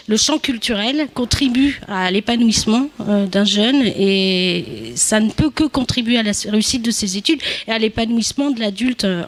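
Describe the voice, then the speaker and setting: A woman who directs student services, speaking earnestly as a guest on a studio talk show. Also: mid-range voice.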